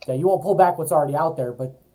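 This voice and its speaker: A man's voice: a little high, rapid-fire, mellow, slight background noise, low-quality recording. A man hosting a podcast in easygoing casual chat, chuckling along with his guest. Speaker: podcast host.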